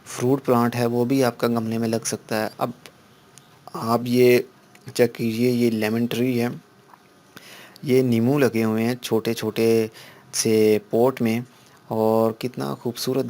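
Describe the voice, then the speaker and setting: A man hosting a gardening channel, explaining calmly and repeating his points with frequent fillers. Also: on the low side. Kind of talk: casual instructional talk.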